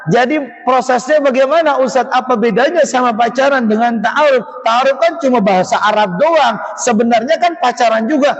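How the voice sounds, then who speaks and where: Joking preacher. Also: male voice, very high-pitched, moderate pace, few pauses. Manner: jokey, keeps asking the audience questions. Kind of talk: mosque sermon with audience banter. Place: mosque hall. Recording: echoey mosque hall, muffled sound.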